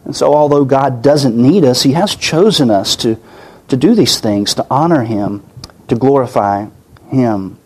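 A man's voice: medium pitch, expressive, unhurried, a little mellow, husky. A man preaching a sermon in an earnest way, often repeating and restarting his words, his voice weak and worn.

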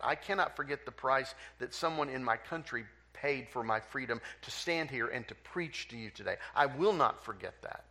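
A male pastor preaching a sermon, telling a story with emphatic pauses and leading a hushed, solemn prayer. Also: mid-range voice, gravelly.

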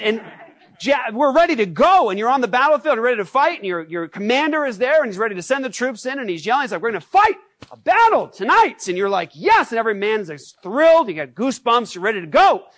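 A pastor preaching a sermon in a lively, conversational way, asking the congregation rhetorical questions. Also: male voice, extremely high pitch, dry recording. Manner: acts out shouted scenes.

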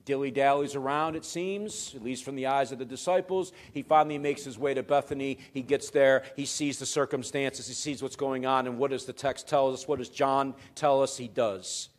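A male pastor preaching a sermon, swinging between loud emphatic rises and quiet, dropped phrases. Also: mid-range voice, fairly even intonation, moderate pace, few pauses.

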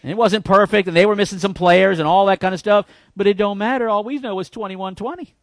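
A man preaching a sermon in church, folksy and joking, with animated bursts when he quotes people. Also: sits high, fast, no echo, clean studio sound. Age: 50s. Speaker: pastor.

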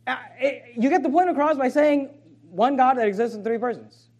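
A man preaching a sermon as pastor, emphatic and at times sarcastic, with quick swings in volume. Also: very high-pitched, darkish tone.

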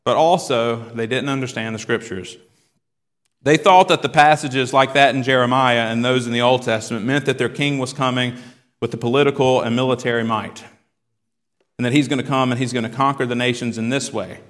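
A man's voice: medium pitch, fairly bright tone. A male pastor preaching a sermon and reading scripture aloud, voicing the quoted cries with rising force. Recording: long hall reverb.

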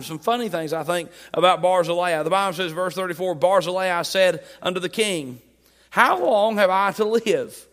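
In a high, fairly bright voice, a preacher reads verses of scripture and then retells them in plain, emphatic language. A long reverb surrounds his words, as though he were speaking in a church sanctuary.

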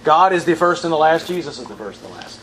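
A man's voice: fairly high pitch, big pitch swings, quick pace, fairly bright tone, slight background noise, poor audio. A man teaching from the Bible in a sermon style, asking the audience questions and repeating verse references.

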